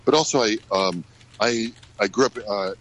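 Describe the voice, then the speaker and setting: A middle-aged American man, a ballet director, answering questions in a radio interview, halting with many fillers and restarts. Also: lowish voice, low-quality recording. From United States.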